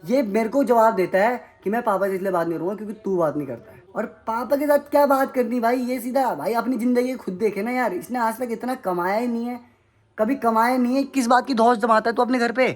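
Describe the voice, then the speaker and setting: A man's voice: extremely high pitch, brisk. Fired-up young man ranting on camera. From India. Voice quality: heated, accusing, repetitive outbursts. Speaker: vlogger. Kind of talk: angry vlog rant to camera. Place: family home, indoors.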